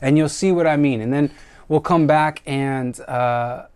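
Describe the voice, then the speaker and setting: Host: American man, casual music reviewer, smooth clear voice, relaxed and reflective delivery, lots of fillers. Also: fairly high pitch, a little slow. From United States.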